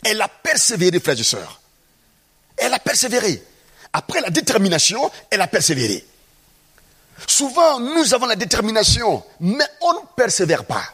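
A man's voice: high voice, wildly swooping pitch, normal speed, bright, forceful tone, husky. A man preaching a sermon, acting out scenes from the Bible and asking the congregation rhetorical questions.

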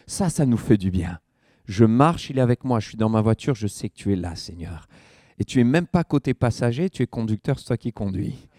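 Middle-aged male pastor, lively church sermon, dark mellow tone, dry close mic. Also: a little fast, no echo. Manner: lively preaching, pitch swings up for emphasis, asks the congregation questions.

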